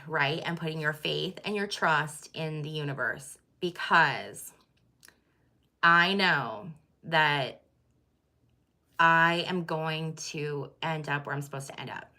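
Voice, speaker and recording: Woman vlogging, chatty and candid, lots of "like" and "um", bright voice. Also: low-pitched, takes it slowly. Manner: chatty, candid, many fillers and restarts. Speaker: tarot channel host. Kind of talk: casual chat to viewers.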